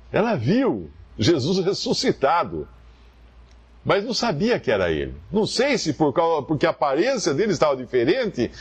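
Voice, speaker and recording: Um homem com sotaque brasileiro dando um estudo bíblico, lendo as escrituras em voz alta com emoção. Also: male voice, a little high, slightly rough. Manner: expressive, reads scripture aloud with feeling. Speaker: Bible teacher. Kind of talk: Bible teaching talk.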